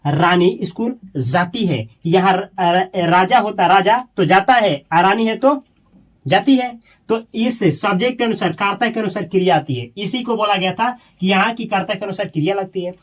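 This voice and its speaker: A man with a fairly high voice teaches a coaching-class grammar lesson. He says each example sentence slowly and asks the class what it is. Then he answers himself and reassures the students that they will understand. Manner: coaxing, reassuring students directly.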